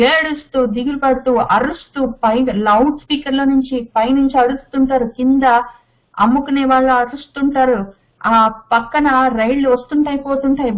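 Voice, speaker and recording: High-voiced woman giving a slow discourse. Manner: unhurried, repetitive listing with rhetorical questions. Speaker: Bhagavad Gita teacher. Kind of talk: spiritual discourse. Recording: dull lo-fi sound.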